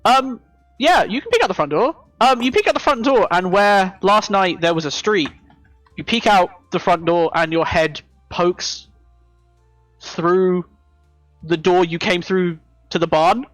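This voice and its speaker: Halting woman game master, dry sound. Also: on the low side, dry recording, soft background music, rough recording. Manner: halting, trailing, thinking aloud. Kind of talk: improvised tabletop game narration.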